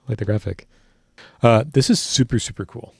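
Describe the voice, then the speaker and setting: A man talks through a song in a husky, fairly low voice, thinking aloud and correcting himself as he goes. He sounds like a working musician giving relaxed technical analysis. The sound is dry and close, with no room around it. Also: brisk, no echo. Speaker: musician reacting to a music video.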